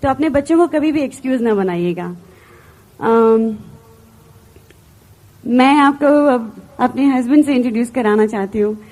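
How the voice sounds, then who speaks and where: High-voiced woman giving a motivational talk. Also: normal speed, long pauses, darkish tone. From India. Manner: earnest personal storytelling, mixing in English words. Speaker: business seminar speaker.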